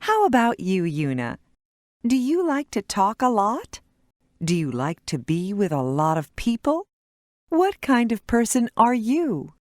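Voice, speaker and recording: A woman voicing a friendly English teacher addressing her class in a scripted textbook recording, speaking clearly and deliberately. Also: medium pitch, wildly swooping pitch, no echo, studio quality, exaggerated voice. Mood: warm.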